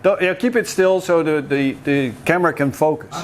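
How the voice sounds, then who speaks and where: A man's voice: on the high side, normal speed. A man with a Dutch accent co-hosting a casual unboxing vlog, teasing and directing his partner in playful banter. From Netherlands. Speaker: vlog co-host.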